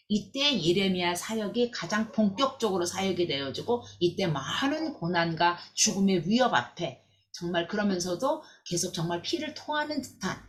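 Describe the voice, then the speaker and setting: A woman teaching a Bible lecture, earnest and emphatic, with frequent fillers and restarts. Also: fairly low pitch.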